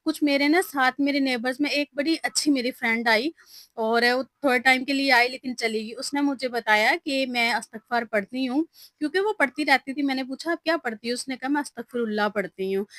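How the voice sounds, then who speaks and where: A woman's voice: sits high, moderate pace, a bit bright, dry recording. A woman vlogger, chatting casually and telling personal stories about faith with many fillers. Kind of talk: casual religious advice talk.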